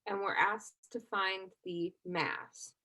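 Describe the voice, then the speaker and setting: A woman's voice: mid-range voice, slow, rough recording. A woman chemistry instructor leading an exam review, talking casually and checking in with the class after nearly every point. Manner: checks understanding constantly with "right?"; relaxed conversational teaching, asks class questions.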